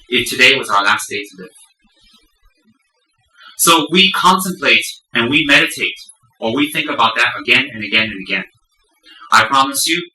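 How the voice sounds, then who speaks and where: A man's voice: mid-range voice, pushed and bright. A man teaching as a Buddhist teacher in a live dharma talk, stressing points by repeating words over and over. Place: room with a live audience. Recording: echoey room, voice from a distance.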